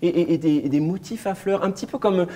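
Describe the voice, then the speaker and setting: A woman's voice: fairly low pitch, fast, mellow, natural voice. A woman playing Raoul, a cheerful curious guy. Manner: playful, exclamatory. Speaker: show's title character. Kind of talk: children's museum show acting.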